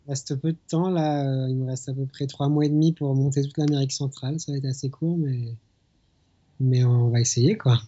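A man from France talks over a phone call line, his voice husky, mellow and slightly dull. He speaks in a relaxed, hesitant way, full of small pauses and fillers, as he chats with an interviewer. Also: medium pitch. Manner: easygoing, hesitant with many fillers. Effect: heard over a remote phone or internet call line. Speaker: interview guest. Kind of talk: casual interview chat. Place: small hotel in the mountains.

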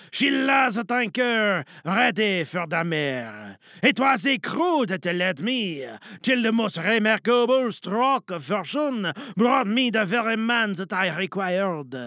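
An actor voicing a fussy French man who reads haltingly with a French accent and many hesitant "uh"s. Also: sits high, sharp tone, dry recording, studio quality, exaggerated voice. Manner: hesitant, fills with "uh". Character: fussy French male auditioner. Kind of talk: cartoon voice acting.

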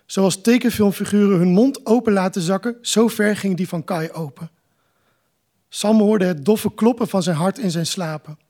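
A man, the author, reading aloud from his novel in a measured, calm way at a live book presentation. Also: sits high.

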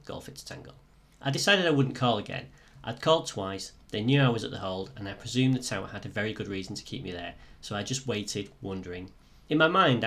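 Slightly croaky man, lowish voice. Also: a bit bright. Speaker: podcast host and student pilot. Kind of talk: scripted narration, first-person storytelling.

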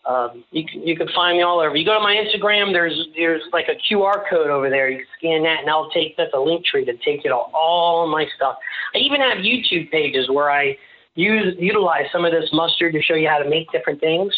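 A man chatting casually as an interview guest, rambling and halting, with a jokey way of talking. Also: fairly high pitch, lively intonation. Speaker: podcast guest, small-business owner. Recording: slightly dull, lo-fi sound.

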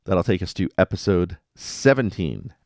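At normal speed, this male podcast host casually sums up episodes in a fairly low register. Expect wry, lively delivery with playful dramatic emphasis, recorded dry and free of room ambience.

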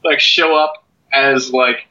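A man's voice: mid-range voice, steady tone, slow, sharp tone, lo-fi sound. A man co-hosting a podcast, chatting casually and riffing wryly. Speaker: podcast co-host. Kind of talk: casual chat.

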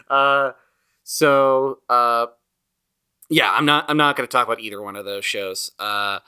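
A man hosts a podcast in an informal, rambling way, often repeating a phrase for emphasis. His voice is mid-pitched, with a sharp, bright edge. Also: measured pace, clear, resonant tone. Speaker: podcast host. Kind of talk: casual chat.

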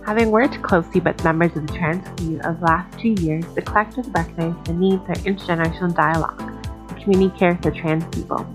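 A woman's voice: lowish voice, fairly even intonation, fast, music in the background, rough recording. A woman co-hosting a podcast, reading an opening and introducing a guest in a friendly, loosely scripted way. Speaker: podcast co-host.

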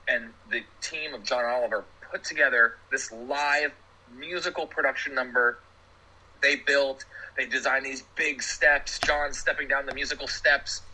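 A man, a production designer, chatting as a podcast guest and telling stories with animated energy. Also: medium pitch, slightly rough, poor audio. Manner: animated storyteller, laughs while talking. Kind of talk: casual podcast chat.

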